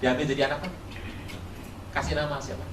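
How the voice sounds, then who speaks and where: A male pastor giving a lively sermon, firing rhetorical questions at his congregation and telling stories playfully. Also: medium pitch, brisk, background noise. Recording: roomy, distant hall recording with faint ambience.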